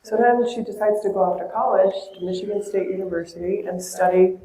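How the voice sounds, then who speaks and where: A woman's voice: mid-range voice, steady tone, fairly quick, dark tone. A woman in her fifties telling personal stories at a talk, earnest, conversational and emotional. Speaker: speaker at a talk. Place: event venue with audience. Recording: echoey room.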